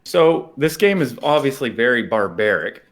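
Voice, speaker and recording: Co-hosting a podcast, a man with a mid-range voice chats casually at normal speed, his pitch swinging widely. He rambles through a story, laughing often and restarting sentences.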